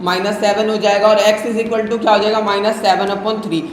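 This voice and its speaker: A man's voice: sits high, level tone, moderate pace, slight background noise. A male math teacher giving a live online lesson, coaxing students with rhetorical questions and calling them "beta". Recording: very echoey room, faint ambience.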